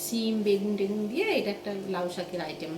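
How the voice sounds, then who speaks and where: A woman's voice: mid-range voice, fast talker. A woman in her thirties with a West Bengal accent, chatting casually to viewers while going about her day at home. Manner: chatty, talks to viewers directly. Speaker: vlogger. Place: home kitchen and rooms. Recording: echoey room with household noise.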